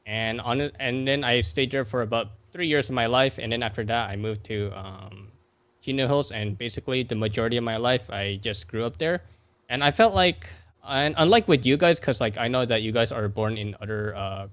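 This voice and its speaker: Brief: young man in his twenties, podcast guest, hesitant and filler-heavy, mid pitch, dry close recording. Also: moderate pace, no echo. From California. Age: 20s. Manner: soft-spoken, many fillers and restarts. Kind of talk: casual podcast chat.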